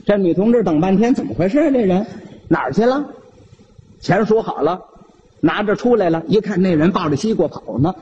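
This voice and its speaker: A man with a Beijing accent telling a comic story solo, in a lively, animated manner. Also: sits high, fairly quick, big-room sound, highs cut off, a little hiss or hum.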